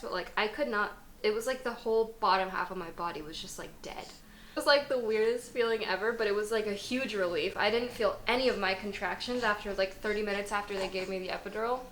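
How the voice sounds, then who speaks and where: A woman's voice: medium pitch, a bit bright. A young woman telling her birth story in a casual, chatty way, filling her sentences with "like" and laughing often. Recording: echoey room with faint ambient noise.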